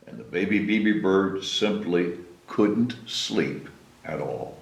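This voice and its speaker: A man with a low, creaky, sing-song voice hosts story time, reading slowly and expressively to children and chatting casually between passages. The room sounds echoey.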